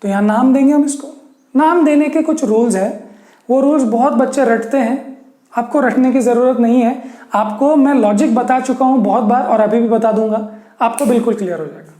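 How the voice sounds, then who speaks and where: A man's voice: very high-pitched, normal speed, mellow, echoey room. A male teacher giving a lesson, who keeps asking his students questions and repeats key words as he explains step by step. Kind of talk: online classroom lesson.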